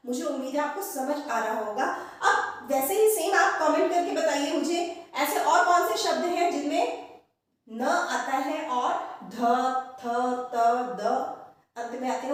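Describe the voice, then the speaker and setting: A woman with a high voice teaches grammar at an unhurried pace, saying each example word over and over. She sounds set back from the microphone in a strongly echoing room. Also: distant mic. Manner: patient, repeats each word slowly several times. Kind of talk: explanatory teaching to camera.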